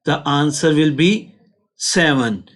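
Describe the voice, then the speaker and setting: A man's voice: fairly high pitch, takes it slowly. A man with a Pakistani accent teaching a maths lesson step by step, in a patient, instructional way.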